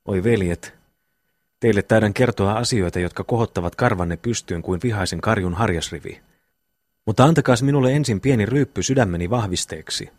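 A man's voice: lowish voice, a little mellow, no room sound, close to an everyday voice. A man voicing a dazed young man who speaks solemnly and ominously after a fright. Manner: solemn, prophetic talk.

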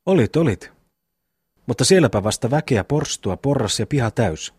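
A man reading an audiobook, voicing a hot-tempered, boastful young peasant brother with a husky voice. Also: medium pitch, expressive, a little mellow, no room sound, studio quality. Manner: boastful, blunt storytelling. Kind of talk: audiobook reading of a classic novel.

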